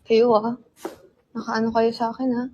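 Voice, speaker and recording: High-voiced young woman chatting playfully. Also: completely flat delivery, muffled recording, a little hiss or hum. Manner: playful, laughing, teasing, switches to slow soft tones. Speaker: livestreamer. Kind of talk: casual livestream chat.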